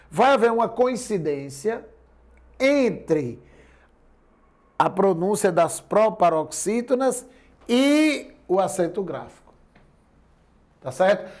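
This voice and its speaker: A man with a high voice gives a grammar lesson in a Brazilian Portuguese accent. He walks through each point patiently and keeps asking whether everyone is following. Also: a little mellow. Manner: explains step by step, keeps checking in with listeners. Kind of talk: classroom lecture.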